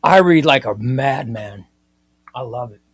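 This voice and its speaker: His mid-range, slightly rough voice has lively intonation and an unhurried pace, recorded with no room sound. He is a man in his fifties hosting a comic book livestream, chatting casually and eagerly over viewer comments and frequently repeating himself.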